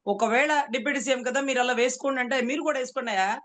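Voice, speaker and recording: A woman's voice: high voice, quick pace, fairly bright tone. A woman advocate giving heated political commentary, speaking rhetorically and repeatedly addressing her interviewer as "sir". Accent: Telugu.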